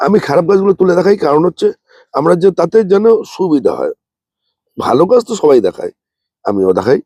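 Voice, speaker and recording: A man, unwell, giving a slow, plain, repetitive gardening demonstration as a channel host. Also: a little high, very animated, warm tone, no room sound. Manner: speaks slowly and plainly, repeating points.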